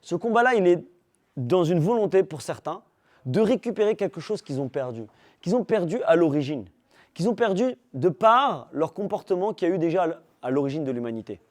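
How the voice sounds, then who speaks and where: A man teaching a religious class to young people, animated, firing rhetorical questions at the room and teasing his listeners. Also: sits high, brisk. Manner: teasing humor with the audience. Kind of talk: lively religious class talk.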